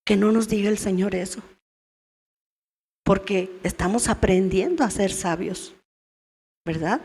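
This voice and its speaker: A woman's voice: medium pitch, unhurried, a little mellow, slightly rough. A middle-aged woman teaching a women's church meeting in a conversational way, often asking her listeners questions. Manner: conversational, asks the audience questions. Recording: long reverb of a church hall.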